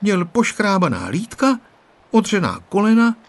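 A man reading a children's story aloud as narrator, expressive and rising and falling. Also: high voice.

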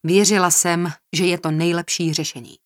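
A woman's voice: lowish voice, steady tone, no echo, clean studio sound, close to an everyday voice. A woman voicing a stubborn young woman who answers tersely and defiantly, in an audiobook reading. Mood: defensive. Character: stubborn defensive young woman under pressure.

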